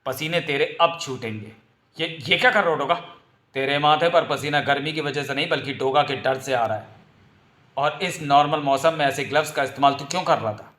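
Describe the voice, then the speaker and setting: Grim cold vigilante guy, slow menacing threats, kinda roomy echo a man doing him. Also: fairly high pitch, a bit bright, lightly acted.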